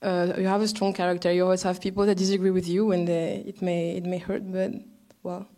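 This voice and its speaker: A soft-spoken woman joins a panel discussion and speaks tentatively. Her voice is mellow and warm. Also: lowish voice, level tone, brisk.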